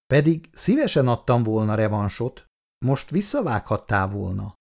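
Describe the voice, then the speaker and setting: A man's voice: medium pitch, very animated, creaky, darkish tone. A man voicing a cocky, sporty young fiancé who speaks in a teasing, bantering way.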